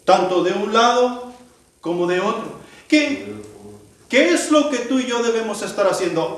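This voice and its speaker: A man preaching a sermon to his congregation, asking rhetorical questions and acting out the cries of the people in the story. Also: high voice. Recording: echoey hall, voice from far off the mic.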